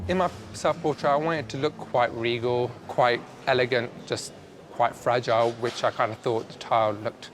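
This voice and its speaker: A man's voice: mid-range voice, fairly even intonation, normal speed, faint music behind. A man, an artist in a competition, talking thoughtfully and modestly about his work. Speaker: contestant artist. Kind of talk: interview.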